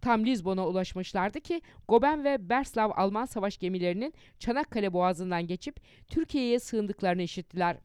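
A woman reading a historical account aloud as an audiobook narrator, in a measured storytelling manner that rises in emphasis for quoted speeches. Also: mid-range voice, expressive, a little mellow, smooth, dry recording, clean studio sound.

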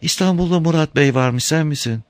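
A man's voice: fairly high pitch, a little fast, no room sound, voice pushed up, close to an everyday voice. A man voicing a worn-out old woman who pleads as a messenger in a read-aloud story. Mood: pleading.

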